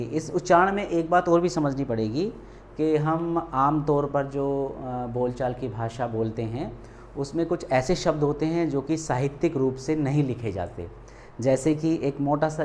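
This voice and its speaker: A man's voice: mid-range voice, a little mellow, slight background noise. Patient man teaching a spelling lesson. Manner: patient, repeats words slowly and checks in with "ठीक है".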